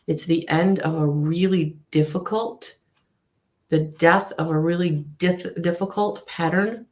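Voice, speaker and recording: Still a bit hoarse after being sick, this woman reads tarot live for her audience. Her husky voice is low and somewhat mellow, and her soothing delivery keeps circling back on itself, dotted with ums.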